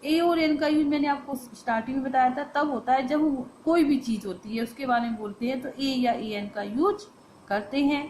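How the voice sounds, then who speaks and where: A woman teacher explains a grammar lesson to students. She poses questions and answers them herself, and says the phrases slowly and with stress. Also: sits high, a little mellow, slight background noise, poor audio.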